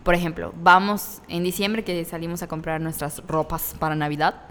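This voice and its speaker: A woman's voice: lowish voice, normal speed, a little hiss or hum. A young woman chatting casually about her mother, quoting her own reactions. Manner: relaxed storyteller, quotes her own reactions. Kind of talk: casual chat. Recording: long reverb.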